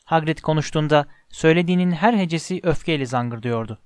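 A man narrating an audiobook with expressive storytelling. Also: on the high side, fast talker, clear, resonant tone, dry recording, studio quality. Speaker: audiobook reader. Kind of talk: scripted narration.

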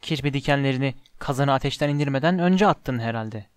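A man voicing a cold, sneering middle-aged potions master in an audiobook, speaking in a low, quiet, contemptuous drawl. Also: fairly quick, clear, resonant tone, dry recording, studio quality, natural voice. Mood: scornful. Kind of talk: audiobook character reading.

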